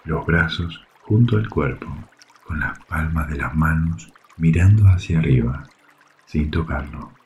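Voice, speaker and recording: A man with a Rioplatense Spanish accent leads a guided sleep meditation in a soft, soothing, hushed delivery with long pauses. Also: extremely low pitch, muffled recording. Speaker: yoga nidra guide. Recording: faint water ambience behind voice. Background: trickling water sounds.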